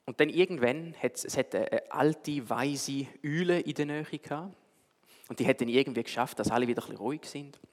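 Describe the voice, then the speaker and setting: A man preaching, telling a story in a lively, animated way. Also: mid-range voice, brisk, in a large hall. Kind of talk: sermon with a told story.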